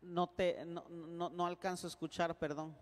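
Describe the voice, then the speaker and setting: A man's voice: on the high side, level tone, moderate pace. A priest teaching a class in a playful manner, checking again and again that his students follow him. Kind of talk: classroom lecture. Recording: echoey hall.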